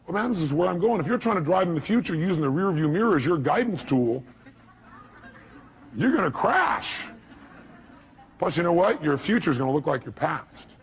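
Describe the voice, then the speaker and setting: A man giving a motivational seminar talk, animated and acting out the voices he quotes, sometimes shouting. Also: on the high side, moderate pace, vocal fry, pauses often, slight background noise. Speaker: motivational speaker.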